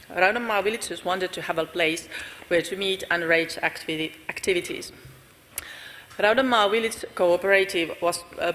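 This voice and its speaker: A woman's voice: lowish voice, fairly bright tone. A woman with a Finnish accent giving a conference talk about her village as a volunteer, speaking carefully. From Finland. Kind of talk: conference presentation. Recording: reverberant conference hall.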